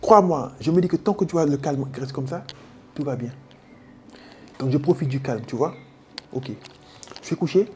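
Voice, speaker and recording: A man's voice: a little high, normal speed, long pauses, slight background noise. A man from French Guiana with a French Guianese accent, telling his own story in an interview, slangy and vivid, making sound effects and calling the listener brother. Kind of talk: animated personal storytelling.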